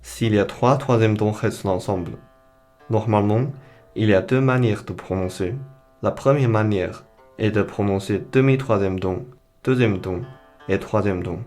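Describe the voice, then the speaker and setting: A man's voice: fairly low pitch, normal speed, darkish tone, faint music behind. A man teaching a beginner language lesson, explaining each point carefully and modeling the pronunciation for learners to repeat.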